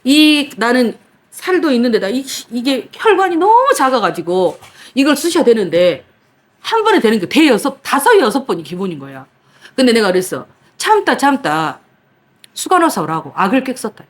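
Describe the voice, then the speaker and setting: A woman pastor preaching, telling a personal story in a lively, dramatic way, acting out her own past cries and protests. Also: on the high side, brisk. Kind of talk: sermon with personal testimony.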